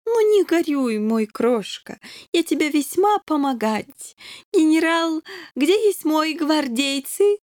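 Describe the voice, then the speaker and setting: A woman reading a storybook puts on a vain, bored doberman king who drawls in broken, foreign-accented Russian. His voice sits high and swings widely. He speaks very slowly, close and dry. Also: very animated, a little mellow, no room sound, heavily acted. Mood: pompous, drawling. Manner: drawling, sentimental.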